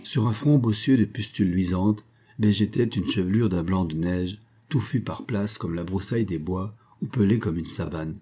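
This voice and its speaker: A man narrating a classic novel in a measured, even storytelling delivery. His voice is low and dark, with a husky grain running through it. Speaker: audiobook narrator.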